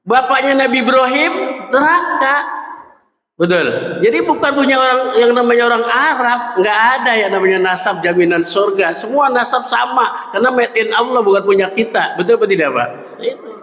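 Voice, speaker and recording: A man's voice: very high voice, expressive, moderate pace, pushed and bright. A man preaching a morning sermon, asking the congregation questions and slipping in jokes. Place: mosque. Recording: echoey mosque hall.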